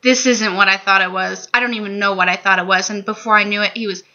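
She talks fast in a steady, medium-pitched voice, pushed and bright: a woman in her twenties vlogging a personal testimony candidly to camera in a small room. The recording, from a webcam or laptop mic at desk distance, is dull and lo-fi.

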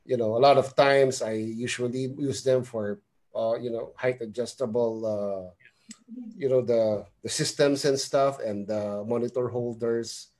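A man's voice: medium pitch, fairly even intonation, a little slow, a little mellow. A man hosting an online interview from his home studio, speaking hesitantly with many fillers. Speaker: host. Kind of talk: casual video call interview.

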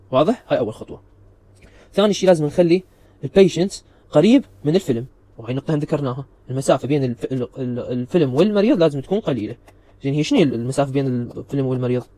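A man's voice: medium pitch, expressive, rapid-fire, mellow. A man giving a recorded physics lecture, explaining step by step and checking understanding with repeated questions.

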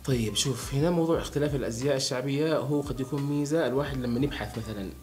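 Rapid-talking young man. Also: medium pitch, darkish tone, soft background music. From Hadhramaut, Yemen. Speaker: conversation partner asking questions. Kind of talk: casual chat between friends.

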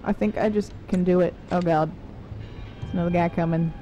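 A woman's voice: fairly low pitch, fairly even intonation, brisk, dark tone, dull audio, soft background music. A young woman playing a game for a let's play, hesitantly asking how the controls work. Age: young adult. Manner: hesitant, asks how to do things. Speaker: player. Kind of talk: casual gaming chat.

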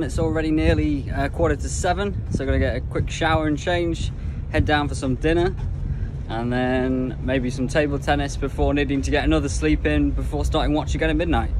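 A man's voice: medium pitch, background noise. A young man in his twenties, a ship's deck officer, casually explaining his workday into a phone held at arm's length in rooms on board. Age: young adult. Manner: relaxed, explanatory, conversational. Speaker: cruise ship deck officer vlogging his day. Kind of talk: casual vlog narration. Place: indoors on a ship, offices and mess rooms.

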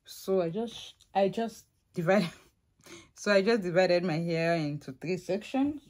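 Slow, low-voiced emotional woman vlogger. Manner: repetitive, emotional, soft-spoken. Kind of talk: casual chat to camera.

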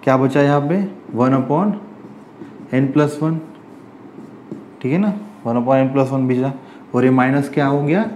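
A man's voice: mid-range voice, takes it slowly, pauses often, darkish tone, a little hiss or hum. A man teaching a maths lesson step by step, often asking rhetorical questions as he works through each line. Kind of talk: chalkboard maths lecture.

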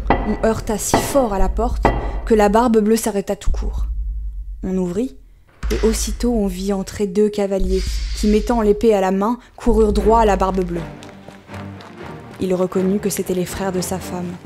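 Woman narrating a fairy tale over music. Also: mid-range voice. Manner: measured, expressive reading.

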